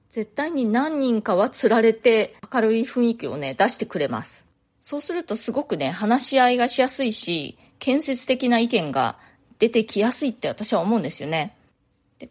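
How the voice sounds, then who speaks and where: A woman hosting a solo podcast, talking in a chatty, explanatory way with many soft fillers. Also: mid-range voice. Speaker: podcast host.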